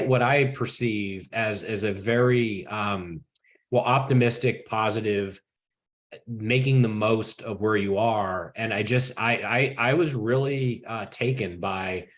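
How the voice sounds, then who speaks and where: Guy hosting a book interview, lowish voice, halting and reflective, lots of false starts. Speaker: interview host. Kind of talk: conversational interview.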